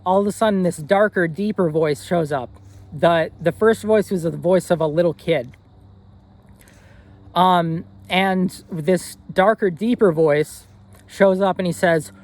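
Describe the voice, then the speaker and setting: A young man in his twenties tells a personal story straight to the camera. His voice sits a little high for a man. He talks earnestly and rambles, with many fillers and restarts. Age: 20s. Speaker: vlogger.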